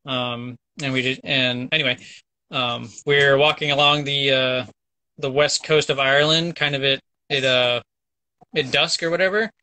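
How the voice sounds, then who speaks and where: A man's voice: medium pitch, fairly even intonation, normal speed, sharp tone. A man in his thirties, a guest on a casual interview, telling a story in an easygoing, rambling way. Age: 30s. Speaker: sailing vlogger guest. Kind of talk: casual chat.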